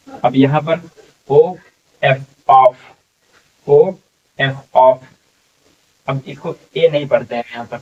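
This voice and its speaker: A man's voice: medium pitch, far from the mic, dull audio. Man patiently sounding out English words. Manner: slow, drawn-out sounding out of words, repeating each one; frequent checking fillers. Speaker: English reading teacher. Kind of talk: phonics lesson for beginners.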